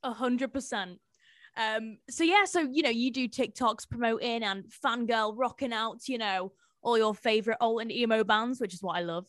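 Woman, show host, fairly high voice, dry close sound, informal slangy interview chat. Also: normal speed, fairly bright tone, no echo.

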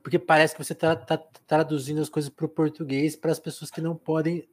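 A man's voice: on the high side, flat delivery, a little fast. A shy man in a casual conversation, asking questions in a hesitant way.

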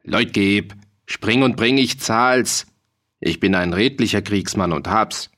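For an audiobook, a man performs a jolly mercenary soldier who boasts heartily in a thick dialect. His voice is fairly low and fairly bright in tone, and he takes his time delivering the lines.

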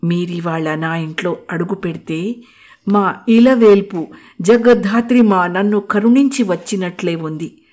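A woman voicing a gentle, poetic young man who speaks softly, slowly and dreamily. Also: fairly low pitch, close to an everyday voice. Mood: tender. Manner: soft, slow, dreamy speech.

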